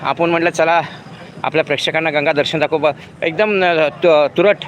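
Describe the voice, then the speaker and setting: Brief: fifties male live-streamer, slightly high voice, rambling and friendly, outdoor phone audio with faint traffic behind. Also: fairly even intonation, moderate pace, fairly bright tone, muffled recording. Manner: chatty, with many fillers and restarts. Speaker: vlogger. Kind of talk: live-stream walking vlog. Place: outdoors on a city road at night.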